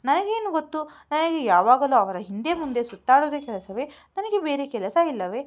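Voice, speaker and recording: A woman's voice: sits high, very animated, normal speed, pitched above the performer's own voice. A woman voicing a callous, domineering sister-in-law who talks in a dismissive, scornful way.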